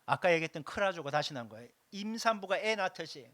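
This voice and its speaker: On a Sunday, a pastor preaches emphatically and fast, his high, bright voice swinging widely in pitch with animated energy. He repeats key phrases for emphasis and puts direct questions to the congregation. The recording sounds close and dry.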